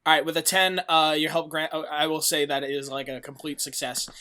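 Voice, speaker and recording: Rambling higher-pitched man narrating as game master. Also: little pitch movement, brisk, pushed and bright. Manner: rambling, filler-heavy, laughs often.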